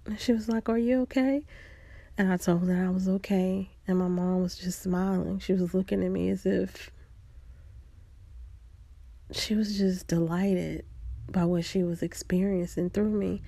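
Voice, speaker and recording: Woman, personal storytelling, low gravelly voice, warm and dry, reflective. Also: level tone, no echo. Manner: reflective, unhurried, pausing often.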